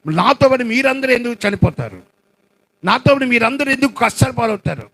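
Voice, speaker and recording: A preacher acting out a desperate man begging God for help, his voice gravelly and swinging widely in pitch. He cries out the same pleas again and again. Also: expressive, brisk, bright, forceful tone, exaggerated voice. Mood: anguished. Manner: pleading, repetitive.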